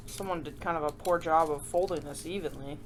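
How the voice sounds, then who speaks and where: In a very noisy recording, a woman with a low voice talks briskly while hosting a children's craft show. Her tutorial style is casual and chatty, full of playful jabs at herself and frequent questions to the viewers.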